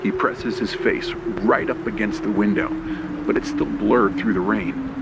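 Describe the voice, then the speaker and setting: Loud rain, thunder, storm and engine effects create heavy noise behind a man with a lowish voice. He narrates a first-person horror story in clipped, tense, suspenseful phrases, like an old radio play.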